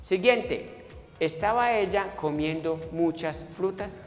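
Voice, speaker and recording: A man's voice: high voice, takes it slowly. Patient male English teacher, echoey room. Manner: explains step by step, addressing students as muchachos and voicing their questions. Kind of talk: recorded classroom lesson. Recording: echoey room with faint music.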